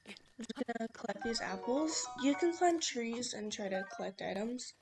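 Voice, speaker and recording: A woman's voice: a little high, expressive, normal speed, over music. A young woman giving casual, instructive gameplay commentary as a let's play host, chatty and with many fillers.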